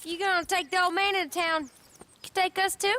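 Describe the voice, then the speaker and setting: A woman's voice: very high voice, level tone, fairly quick, pushed and bright. An actress with an American accent playing a bold, cheeky young outlaw woman in a video game, brash and teasing. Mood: teasing, goading.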